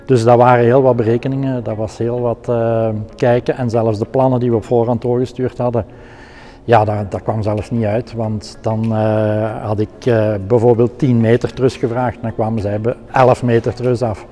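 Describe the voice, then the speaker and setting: A man's voice: mid-range voice, level tone, normal speed, warm tone. A middle-aged man with a Flemish accent, a technical production director explaining his work in a practical, hesitant way with many fillers.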